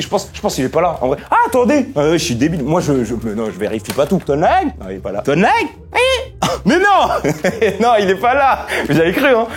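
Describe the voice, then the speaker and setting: A young man giving excited, slangy commentary to his viewers while searching for someone. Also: high-pitched. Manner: hyped, slangy, keeps addressing "les gars". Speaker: seeker in a hide-and-seek video.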